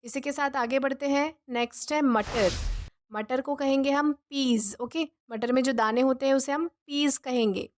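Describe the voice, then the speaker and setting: A young woman teaching an English vocabulary lesson, drilling each word slowly with questions and repeated answers. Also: sits high, steady tone. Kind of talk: spoken language lesson.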